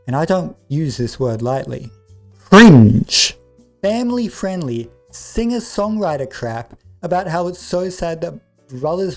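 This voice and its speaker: A man's voice: a little high, mellow. A man giving comedic review commentary, sarcastic and exasperated, swearing often. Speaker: movie reviewer.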